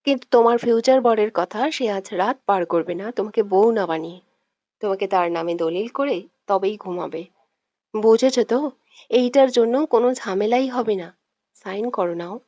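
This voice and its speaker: A woman voicing an easygoing young man who teases and then gently coaxes, in a read-aloud audio story. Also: mid-range voice, normal speed, no echo, lo-fi sound, natural voice. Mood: coaxing. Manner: joking, coaxing. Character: teasing, easygoing young male friend.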